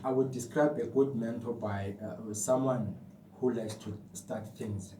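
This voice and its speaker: A South African man as a radio guest, talking in a halting way with many restarts and mixing in Xhosa. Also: medium pitch, steady tone. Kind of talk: casual radio interview. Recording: roomy and distant with faint hiss.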